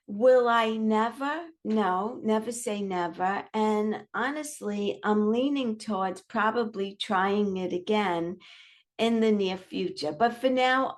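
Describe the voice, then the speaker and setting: A woman in her sixties hosting a podcast, introducing the episode in a chatty, candid way. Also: mid-range voice. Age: 60s. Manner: chatty and candid, slow and unhurried. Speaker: podcast host.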